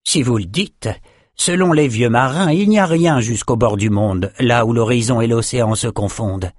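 A man's voice: mid-range voice, normal speed, no echo, lightly acted. A man narrating a story voices a dry, ironic ship captain. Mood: wry. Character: wry male ship captain.

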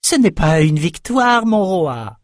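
A man reading an audiobook, voicing an excitable, half-mad albino male shaman who chants his lines. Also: high voice, takes it slowly, no echo, studio quality, pitched above the performer's own voice, full character voice. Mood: feverish urging. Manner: singsong, chanting. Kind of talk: audiobook character voice.

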